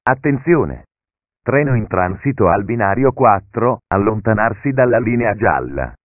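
A man's recorded voice giving automated train station announcements in measured, segmented phrases pieced together with uneven pitch jumps. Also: lively intonation, no room sound. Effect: announcement heard as a recorded station PA message. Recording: narrow, phone-like, dry PA audio.

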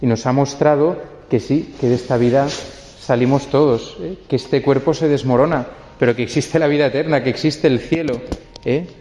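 Priest man chatting thru a homily, warm low-key tone, keeps saying eh?, big churchy echo. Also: normal speed, a little hiss or hum. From Spain. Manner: conversational, keeps adding a tag "eh?". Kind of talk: homily at a memorial mass. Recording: long church reverb.

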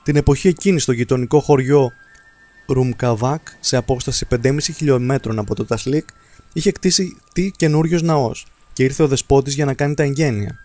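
A man reads religious stories from a book aloud, steady and earnest. His voice sits at an ordinary mid pitch. The reading stays measured and even. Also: no room sound. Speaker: narrator.

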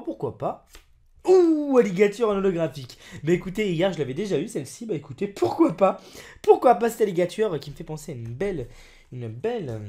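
A man opening trading card packs on camera, excitable and exclamatory, chatting to his viewers as friends. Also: on the high side, slight background noise.

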